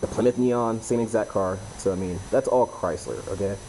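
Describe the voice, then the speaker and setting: A man's voice: fairly low pitch, moderate pace, noisy background. A man hosting his own channel, explaining a topic in loose, blunt casual talk full of fillers and "okay?" tags. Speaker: YouTube host.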